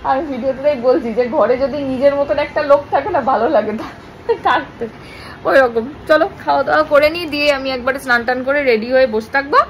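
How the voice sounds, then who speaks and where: Woman in her 30s, home vlogger, chatty everyday tone, a touch high, faint noise behind. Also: brisk, muffled recording. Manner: chatty, talks to viewers while doing chores. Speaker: vlogger, mother. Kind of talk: casual daily-life vlog narration.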